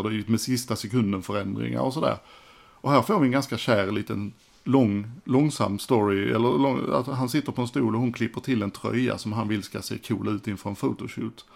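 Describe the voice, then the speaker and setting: A man's voice: mid-range voice, vocal fry. A man giving casual, frank commentary as a music collector, swearing casually as he talks through old footage.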